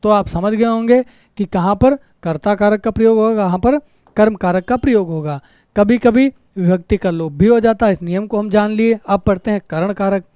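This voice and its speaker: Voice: medium pitch, normal speed, dark tone, smooth, dry recording, studio quality. A grammar teacher explaining a lesson, repeating example sentences and asking rhetorical questions with a frequent tag question.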